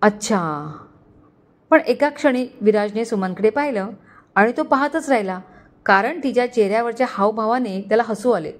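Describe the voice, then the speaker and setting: A woman narrating a romantic story in an expressive, lyrical way. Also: a little high, fairly quick.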